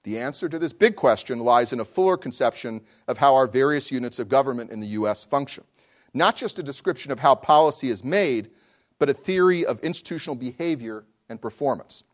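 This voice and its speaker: A man lecturing as a law professor, reading a prepared text in an erudite, formal manner with deliberate phrasing and rhetorical questions. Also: mid-range voice, expressive.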